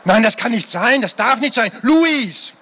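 A man reading aloud and voicing a panicked young man who shouts desperately. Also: very high-pitched, expressive, unhurried, breathy edge, voice pushed up, heavily acted.

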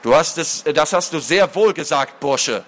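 A man's voice: fairly high pitch, expressive, a little slow. A man voicing a raging bitter old lord, barking. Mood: contemptuous. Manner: growling, barking, shouting in rage. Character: bitter, furious middle-aged male lord, crippled veteran.

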